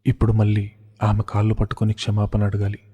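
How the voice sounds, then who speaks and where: A man narrating a scripted family audio story in a flat, solemn way. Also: on the low side, fast talker, breathy edge, long reverb tail, highs cut off.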